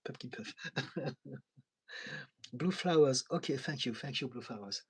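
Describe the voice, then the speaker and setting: With a medium pitch, an animated manner and a measured pace, a French-accented man hosts a casual live stream from his London home, and there's a little hiss or hum on the audio. He's a tired therapist from France who reads viewer comments, laughs often and slips in soft asides.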